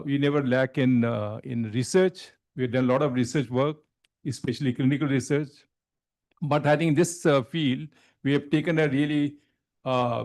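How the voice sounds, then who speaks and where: A man with an Indian accent making a formal welcome speech at a conference, halting and repeating phrases. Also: mid-range voice, a little mellow. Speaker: hospital executive giving remarks at a medical conference.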